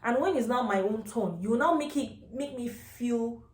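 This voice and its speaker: A woman's voice: on the high side, normal speed. Exasperated Nigerian woman, echoey room. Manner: exasperated, emphatic, repeats phrases for effect. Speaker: vlogger. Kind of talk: casual storytelling rant. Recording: echoey, reverberant room sound.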